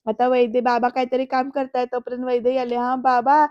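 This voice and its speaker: A woman's voice: fairly high pitch, completely flat delivery, fast, warm tone, smooth, dry recording. A woman narrating a casual, chatty recap of a TV serial episode, speaking directly to her viewers. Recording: dull lo-fi, dry room.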